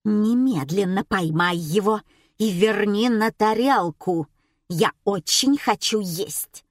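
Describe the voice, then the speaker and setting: A woman voicing a loud, crude, self-important middle-aged woman diner who talks down to everyone. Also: medium pitch, takes it slowly, no room sound, studio quality. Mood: furious. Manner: brash, crude, haughty.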